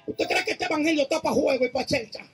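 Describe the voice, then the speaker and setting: High-voiced fervent preacher. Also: male voice, fast talker. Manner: fervent, shouting exhortations with repeated praise calls. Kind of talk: Pentecostal sermon.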